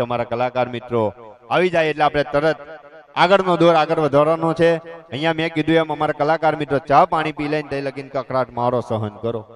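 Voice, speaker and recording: High-voiced Gujarati man telling stage jokes. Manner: folksy storytelling, voicing others in dialogue. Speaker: comedian and stage host. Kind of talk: live stand-up joke telling.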